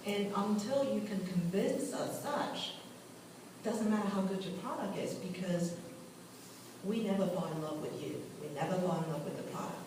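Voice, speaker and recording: A woman's voice: lowish voice, darkish tone, a little hiss or hum. A woman from Taiwan and Gambia, a venture capital partner giving a candid talk to a live audience, laughing at her own asides. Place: meeting room at a tech club. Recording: echoey room, mic far off.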